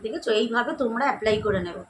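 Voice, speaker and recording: Quick, chatty woman vlogger at home. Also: on the high side, noisy background. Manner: chatty, addresses viewers as friends, demonstrating as she goes. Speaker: beauty vlogger. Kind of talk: casual skincare tutorial. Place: at home, indoors.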